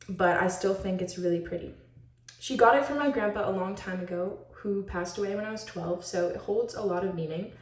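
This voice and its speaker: Here a teenage girl from Switzerland talks at length, upbeat and chatty, in a show-and-tell about a school project. She has a mid-range, darkish voice. A far-off mic gives the sound a roomy echo.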